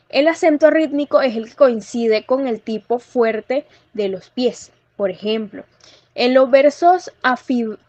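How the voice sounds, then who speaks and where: A young woman presenting a read-aloud lesson on verse as a student, measured and careful, with small slips. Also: a little high, a little mellow, dry recording, dull audio. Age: young adult.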